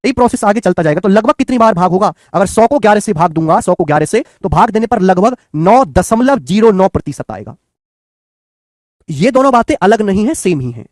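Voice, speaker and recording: High-voiced man teaching math. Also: animated, fairly quick, a little mellow, dry recording, studio quality. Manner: coaxing, repetitive, addresses students as children and friends. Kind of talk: online exam-prep lecture.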